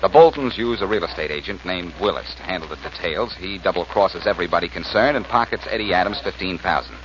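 An actor playing a quick-witted, insistent amateur detective in a 1940s radio crime drama. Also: male voice, sits low, lightly acted. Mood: persuasive. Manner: insistent, earnest. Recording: dull old radio recording, faint noise.

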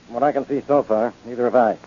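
An actor playing a short-tempered, gruff and sarcastic police inspector who barks his way through an old radio detective drama. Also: medium pitch, steady tone, fast, dark tone, natural voice. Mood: irritated. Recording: muffled old radio recording.

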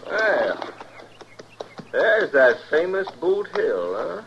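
An actor playing a cocky, callous American gambler outlaw in a radio western, with folksy frontier talk and a gravelly voice. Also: male voice, a little high, very animated, very slow, fairly bright tone, exaggerated voice. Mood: easygoing. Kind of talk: old-time radio western acting. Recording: noisy, dull old radio recording.

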